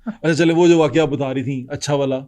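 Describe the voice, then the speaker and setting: A man's voice: fairly high pitch, steady tone, darkish tone. A man hosts an interview in a casual conversational tone. His turns are short, nudging his guest to carry on her story. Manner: brief prompting questions.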